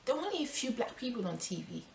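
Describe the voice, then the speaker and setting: A woman's voice: on the high side, sing-song, fast, vocal fry. A woman from France talking earnestly to camera as a vlogger, reading statistics and then speaking freely. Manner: earnest and emphatic, with restarts when speaking freely. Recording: roomy sound with faint background noise.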